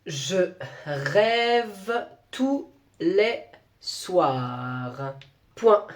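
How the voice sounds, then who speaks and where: A woman's voice: a little high, animated, moderate pace, darkish tone, natural voice. Woman playing a mouthy teacher with a mock Marseille accent, argumentative. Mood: bickering. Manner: brash, bickering, slangy. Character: cocky woman teacher with a put-on Marseille twang. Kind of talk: comedy sketch acting.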